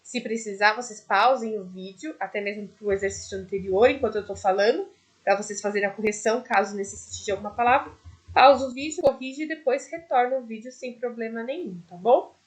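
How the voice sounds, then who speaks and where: A woman's voice: fairly high pitch, a little fast. A woman teaching a primary school class in a recorded video lesson, with a Brazilian Portuguese accent, patiently explaining each step.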